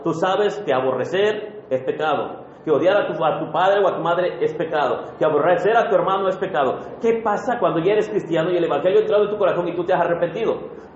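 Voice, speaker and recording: A man's voice: sits high, slight background noise. A man preaching a sermon in a conversational way, often putting questions to the congregation. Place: church hall. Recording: roomy, dull church recording.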